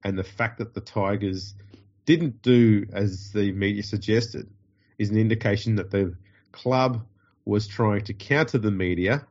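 A man's voice: on the low side, measured pace, darkish tone, lo-fi sound. A man with an Australian accent and a nasal, stuffed-up voice from a runny nose, hosting a podcast in casual, dryly joking banter. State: getting over covid with a runny nose. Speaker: podcast host.

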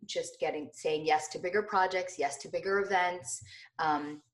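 A middle-aged lifestyle blogger from New Jersey talks freely as a guest in a casual interview podcast. Her notably low, hoarse voice moves at a moderate pace, and she rambles chattily and expressively with frequent fillers and restarts.

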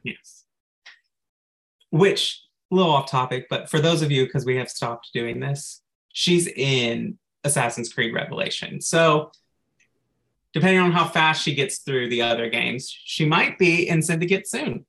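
A man's voice: medium pitch, lively intonation, measured pace, creaky, sharp tone. A man co-hosting a podcast in casual chat, recapping game lore at length and dropping in frequent "like" asides. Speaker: podcast co-host.

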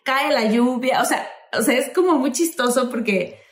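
A woman with a Mexican accent co-hosting a casual podcast chat, chatty with quick reactions. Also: high voice, reverberant. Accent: Mexican Spanish.

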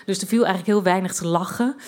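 A woman's voice: fairly low pitch, quick pace, a little mellow. A woman from Twente telling a personal story at a live storytelling event, chatty and hesitant, with many filler sounds. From Twente, Netherlands.

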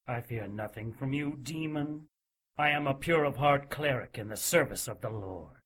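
A man voicing a stern, cruel male cleric interrogating a demon, speaking in a cold, measured, menacing way with a husky voice. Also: mid-range voice, fairly bright tone, natural voice. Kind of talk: audio drama acting.

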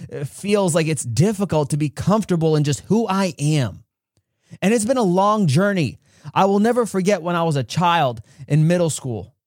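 A man hosting a podcast, telling a personal story in an earnest way and acting out quotes with big jumps in pitch. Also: a little mellow, dry recording, clean studio sound. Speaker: podcast host.

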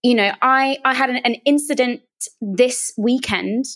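A woman's voice: a little high, a little slow. Earnest, reflective woman podcast host. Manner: earnest and reflective, with repeated emphasis. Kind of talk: casual conversation.

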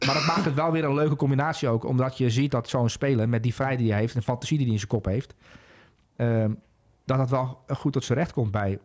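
A man's voice: mid-range voice, a little mellow. A man analysing football in a casual podcast chat, hesitant, with many fillers and restarts.

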